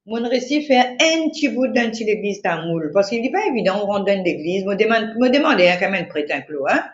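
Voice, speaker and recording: A woman from Mauritius with a Mauritian Creole accent, chatting on the radio in an animated, repetitive, emphatic way. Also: mid-range voice, brisk, slight background noise. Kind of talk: casual radio chat. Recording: roomy lo-fi radio recording.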